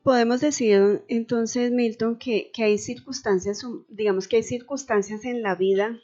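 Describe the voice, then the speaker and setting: A woman's voice: a little high, steady tone, normal speed, dark tone. A woman co-hosting a Bible radio program, thinking aloud with hesitant restarts. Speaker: radio co-host. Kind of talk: radio conversation. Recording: dull radio recording with faint music.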